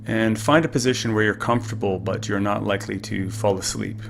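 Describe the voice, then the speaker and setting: A man leading a guided meditation in a calm, soothing, unhurried manner. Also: lowish voice, gravelly, noisy background. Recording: music playing behind the voice. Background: meditation music.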